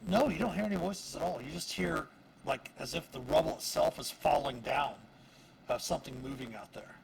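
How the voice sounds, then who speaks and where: A man narrating as dungeon master of a tabletop game, halting with many fillers. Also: fairly high pitch, creaky. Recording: noisy stream audio.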